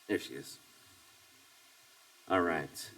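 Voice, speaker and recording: A man's voice: deep voice, creaky, sharp tone, slight background noise, poor audio. A man facilitating a bargaining meeting, brief and practical, moving things along. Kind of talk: procedural meeting talk.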